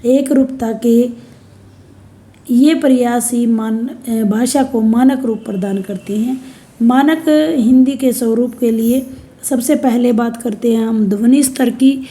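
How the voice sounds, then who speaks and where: Slow, mellow-voiced woman teaching a lecture. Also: a little high, steady tone. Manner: slow, deliberate explaining, spelling out examples one by one. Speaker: Hindi language teacher. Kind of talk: recorded lecture for university students.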